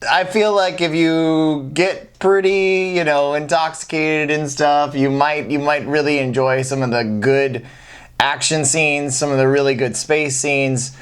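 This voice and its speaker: Higher-voiced man chatting through a review. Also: fairly even intonation, a little slow, smooth. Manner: conversational, hedging opinions. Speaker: film review show co-host. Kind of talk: casual film review chat.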